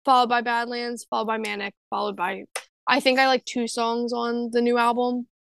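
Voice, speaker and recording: A woman's voice: on the high side, flat delivery, normal speed, vocal fry, a bit bright, slight background noise. A young woman co-hosting a music podcast in casual chat, emphatic and swearing freely, often trailing off and restarting. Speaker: podcast co-host.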